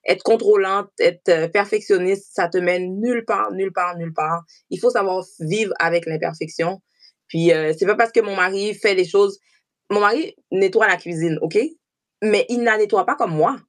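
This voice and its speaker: A woman's voice: medium pitch, normal speed. A woman of about forty from Haiti, a guest on a live stream, talking frankly and reflectively about family life, with many fillers. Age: 40s. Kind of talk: casual live-stream chat.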